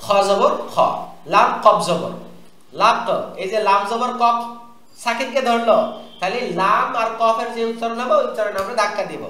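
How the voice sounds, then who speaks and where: A man teaching Quran recitation, spelling out letters and drilling each word slowly and patiently, asking listeners to repeat after him. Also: extremely high pitch, bright, forceful tone. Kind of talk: tajweed lesson, spelling out and drilling words. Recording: echoey room.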